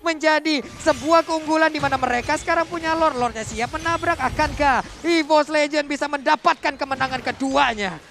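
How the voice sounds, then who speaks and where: An esports commentator calling play-by-play like an excited fighting game announcer, exclamatory and full of dramatic questions. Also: sits high, fairly quick, creaky, few pauses, a little hiss or hum.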